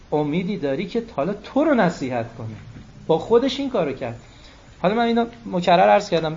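A man's voice: on the high side, creaky. A man giving a religious sermon, emphatic, repeating key phrases and quoting Arabic texts. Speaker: cleric. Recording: dull lo-fi recording.

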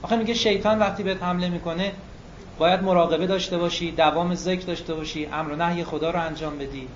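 A high-pitched man delivers an animated religious lecture, slowing down and stretching key words for emphasis. The recording is dull and lo-fi, with a faint hum of room noise behind him. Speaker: preacher.

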